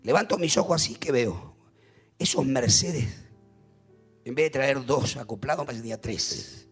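A man preaching, telling a story dramatically in animated bursts. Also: mid-range voice, measured pace, breathy edge, soft background music.

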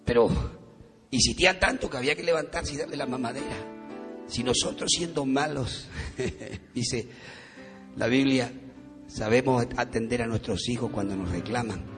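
A middle-aged man, preaching a sermon that swings from quiet storytelling to loud, fervent calling. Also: medium pitch, normal speed, long pauses, music in the background. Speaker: pastor. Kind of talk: evangelical sermon.

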